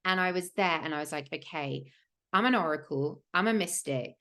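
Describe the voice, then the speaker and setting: A woman's voice: deep voice, moderate pace, bright, forceful tone. A woman, hosting a livestream and telling a personal story in an earnest, emphatic way with many "like" fillers. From England. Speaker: host of a spiritual podcast.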